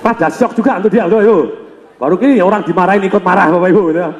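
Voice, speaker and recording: A man giving an energetic sales seminar, peppering the audience with rhetorical questions. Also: high-pitched, rapid-fire. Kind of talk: motivational seminar talk. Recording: roomy hall with long reverb.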